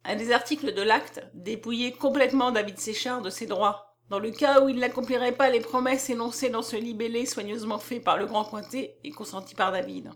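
Woman reading an old novel aloud, calm and measured, voice a bit high. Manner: measured, even literary reading. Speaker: audiobook narrator. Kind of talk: scripted narration of a classic novel.

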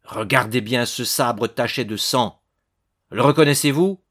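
A man's voice: medium pitch, expressive, unhurried, lightly acted. A man voicing a stern male judge who questions a suspect severely, with a raised, insistent voice.

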